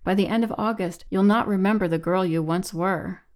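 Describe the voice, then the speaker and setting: A woman's voice: mid-range voice, moderate pace, a little mellow, close to an everyday voice. A woman reading a man who talks down in a falsely soothing, patronizing way. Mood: condescending. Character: smug condescending man, turns panicked.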